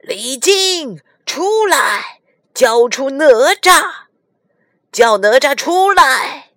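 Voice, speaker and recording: A woman voicing menacing, cruel dragon kings in a storybook, bellowing slow threats. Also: high voice, very animated, sharp tone, dry recording, studio quality, voice pushed up, heavily acted. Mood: threatening.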